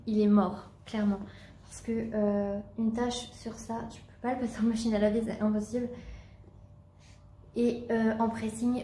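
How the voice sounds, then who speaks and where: A woman's voice: on the high side, mellow, reverberant, slight background noise. A woman with a Normandy French accent chatting casually at home in a vlog, with many fillers and restarts. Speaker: vlogger.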